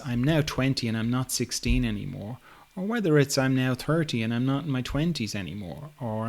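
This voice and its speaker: A middle-aged man hosting a reflective podcast, speaking at an ordinary pitch for a man. His talk is relaxed and musing, loosely strung together with "you know" and gentle laughs. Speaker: podcast host.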